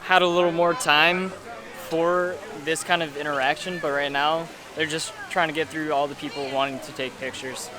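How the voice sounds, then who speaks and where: Guy vlogging outside at a packed theme park, chill tour-guide explaining, kinda high voice, lots of crowd noise. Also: fairly even intonation, normal speed. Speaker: vlog host. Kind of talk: casual vlog chat. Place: outdoors at a busy theme park. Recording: loud crowd noise outdoors.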